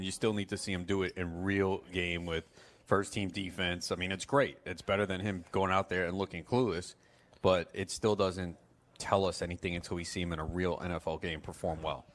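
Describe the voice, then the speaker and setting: Deep-voiced man analyzing fantasy football. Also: fairly bright tone. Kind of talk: casual sports chat.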